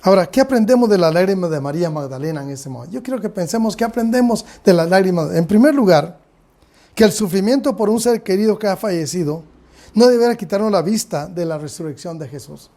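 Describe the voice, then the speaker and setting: Guatemalan pastor preaching, high mellow voice. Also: male voice, animated, fast talker. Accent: Guatemalan Spanish. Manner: preaching, often calls out to the brothers and sisters. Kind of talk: sermon.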